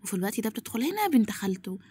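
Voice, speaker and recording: A woman's voice: a little high, very animated, rapid-fire, dark tone, husky, no echo. A woman with an Egyptian accent recapping a drama plot in run-on storytelling. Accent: Egyptian Arabic. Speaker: narrator.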